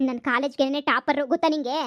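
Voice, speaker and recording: A woman's voice: high voice, steady tone, noisy background, lightly acted. Woman doing a stern young delivery-guy husband. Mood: indignant. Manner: scolding, lecturing, fast and insistent. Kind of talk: cartoon comedy voice acting.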